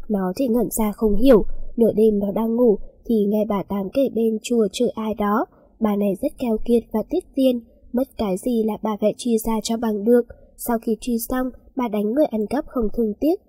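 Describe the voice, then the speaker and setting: Woman reading a story out loud, husky, kinda dark tone, dry close sound. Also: a little high, moderate pace, no room sound, low-quality recording. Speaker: story narrator. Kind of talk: read-aloud story narration.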